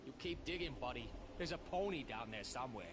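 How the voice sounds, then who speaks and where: A man's voice: mid-range voice, expressive, fairly quick, very noisy, natural voice. An actor playing a crude, sarcastic male demon hunter in a video game. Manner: sneering, wisecracking. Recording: game audio with loud music.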